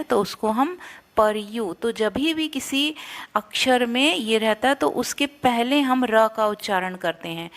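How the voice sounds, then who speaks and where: A woman teaching verse recitation, patiently spelling out syllables and repeating them. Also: medium pitch. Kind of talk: slow Sanskrit verse recitation lesson.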